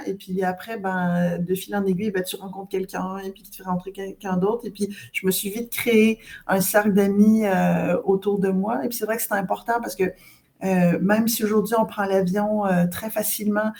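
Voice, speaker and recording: Une femme d'âge moyen à l'accent québécois, qui parle de façon chaleureuse et bavarde, avec beaucoup d'hésitations, dans une conversation de balado. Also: female voice, medium pitch, little pitch movement, moderate pace. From Quebec. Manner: warm, chatty, many hesitations. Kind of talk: casual podcast conversation.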